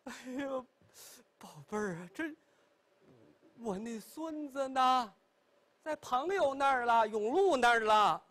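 A man voicing a doting, tearful and bossy old grandmother in a traditional storytelling performance, with drawn-out cries. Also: lively intonation, a bit bright, full character voice. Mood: tender. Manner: high wailing crone voice, drawn-out cries.

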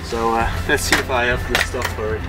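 A young man, casually explaining to the camera outdoors by a canal, with relaxed fillers. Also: medium pitch, brisk. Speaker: angler and vlogger. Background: music.

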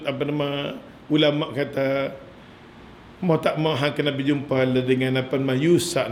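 A middle-aged religious teacher with a northern Malaysian Malay accent delivers a lecture as an animated storyteller, chuckling and repeatedly asking the audience rhetorical questions. His pitch is fairly high, with a little hiss or hum in the recording.

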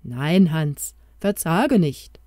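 A woman's voice: mid-range voice, very animated, measured pace, mellow, dry recording, studio quality. A woman voicing an old king bewitched into a small crowned mouse, who comforts and urges the hero in a storybook tale. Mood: earnest, urging. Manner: comforting, urging.

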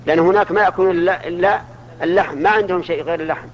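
A man's voice: high voice, steady tone, racing, a little hiss or hum. A man teaching a religious lesson, asking his listeners questions and answering them himself. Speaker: Islamic scholar teaching. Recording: dull lo-fi archival recording.

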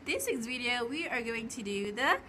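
High-voiced, animated young woman vlogger. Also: moderate pace. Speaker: vlog host. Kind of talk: casual chat. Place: living room at a table, camera close. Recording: noisy home recording.

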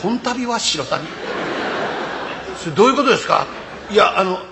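A man with a Kansai accent voicing a dim-witted, cheerful young townsman in a rakugo story, stammering and excitable. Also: sits high, normal speed, gravelly, long reverb tail, background noise. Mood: earnest.

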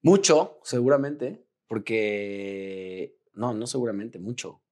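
A man in his thirties with a Mexican accent, talking casually as an interview guest and acting out his own thoughts in a lively, slangy way. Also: fairly low pitch, takes it slowly. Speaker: actor and guest.

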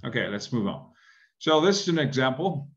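A man's voice: mid-range voice, very animated, moderate pace. A middle-aged man teaches an online English class from home. His voice rises and falls a great deal. It comes through a dull, lo-fi webcam recording. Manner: explanatory, often checks with "right?".

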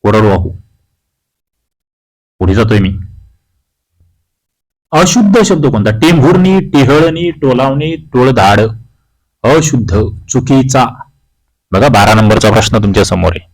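A man's voice: medium pitch, expressive, a little slow, long pauses, darkish tone, low-quality recording. A man teaching exam prep from Maharashtra, reading each question and its options aloud and then explaining the answer. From Maharashtra, India. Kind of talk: quiz walkthrough lesson.

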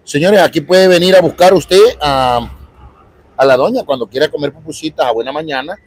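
Salvadoran guy livestreaming from the street on his phone, greets everyone by name, kinda husky voice. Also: normal speed, no room sound. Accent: Salvadoran Spanish. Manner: chatty, greets viewers by name, lively swings in pitch. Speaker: livestream vlogger. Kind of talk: casual live street stream. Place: outdoors on a city street.

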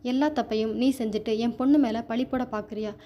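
A woman's voice: on the high side, steady tone, a little fast, lo-fi sound, slight background noise, close to an everyday voice. A woman voicing an angry, protective middle-aged father in a storybook reading, fierce and confrontational. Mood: furious.

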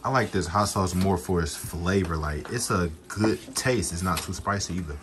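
A man's voice: deep voice, normal speed, very noisy. A young man chatting casually in a home kitchen cooking vlog, laid-back and slangy, recorded close on a phone. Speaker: co-host. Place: small home kitchen, indoors. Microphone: phone camera held close.

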